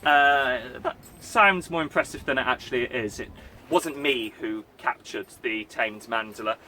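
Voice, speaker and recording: A man's voice: medium pitch, a little slow, bright, forceful tone, slight background noise. A man chatting casually on his vlog, rambling and playful as he tells a story in character. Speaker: vlogger recounting a live-action role-play event.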